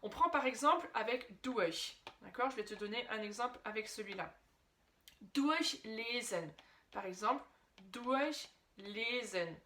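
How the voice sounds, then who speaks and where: A woman teaching an online language lesson, explaining patiently, often checking in with "d'accord?" and slowing right down to spell out example sentences. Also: on the high side, bright, forceful tone. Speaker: German teacher.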